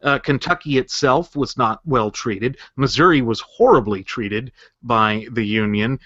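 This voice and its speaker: An earnest man co-hosts a political talk show and argues his case point by point. He sits at a middling pitch and leans on rhetorical questions. The recording is dry and close, with dull, muffled lo-fi sound. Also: a little slow, a bit bright, no echo. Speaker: co-host.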